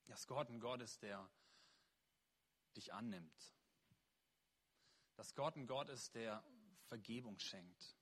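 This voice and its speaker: Man, preacher, husky voice, mid-pitched, bible reading and sermon. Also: slow pace, pauses often, fairly bright tone. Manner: husky voice, earnest reading with slips and self-corrections.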